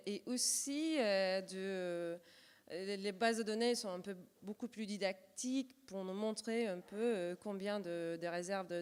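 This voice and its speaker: A woman with a Turkish accent, a native Turkish speaker, presenting an improvised live software demonstration and hesitantly searching for words. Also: mid-range voice, smooth. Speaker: workshop presenter. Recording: echoey hall with long reverb.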